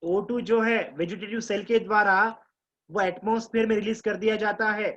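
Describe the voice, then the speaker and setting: A man teaching biology to exam students, mixing Hindi with Indian English, explaining slowly, repeating key terms and quizzing his class. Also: high-pitched, steady tone, a bit bright, dull audio. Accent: Indian English mixed with Hindi. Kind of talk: live online class lecture.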